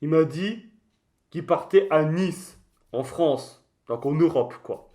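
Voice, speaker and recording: A man's voice: fairly high pitch, expressive, slow pace, mellow. A man voicing a touchy, boastful mascot creature in a comic mock interview, rambling in crude slang. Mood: rambling storytelling. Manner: slangy, crude, hesitant rambling storytelling with outbursts.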